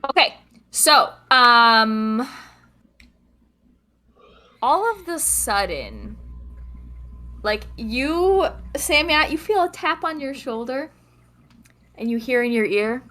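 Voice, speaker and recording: A woman's voice: fairly high pitch, big pitch swings, takes it slowly, long pauses, sharp tone. A woman narrating as game master in a casual tabletop session, laughing and humming while she checks the rules.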